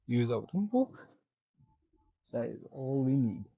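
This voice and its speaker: A man's voice: medium pitch, big pitch swings, unhurried, vocal fry, husky, no echo, highs cut off. Breathless young man coaching in a gym. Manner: instructive, coaching viewers step by step. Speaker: fitness vlogger. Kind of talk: casual gym walkthrough.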